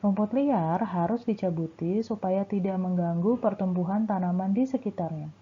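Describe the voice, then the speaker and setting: A woman reading aloud the part of a patient male school gardener who calmly explains his work. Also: mid-range voice, normal speed, slightly rough, lightly acted. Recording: tinny phone-like sound.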